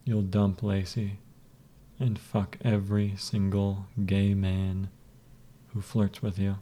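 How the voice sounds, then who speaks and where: A man voicing a cruel, scheming male hypnotist who speaks slowly and softly in a commanding way. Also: lowish voice, monotone. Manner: slow, soft, commanding.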